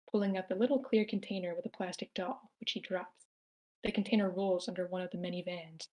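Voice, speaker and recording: The stage directions at this amateur table read come from a woman with a lowish, slightly mellow voice, captured in poor audio. She narrates plainly, with the occasional stumble.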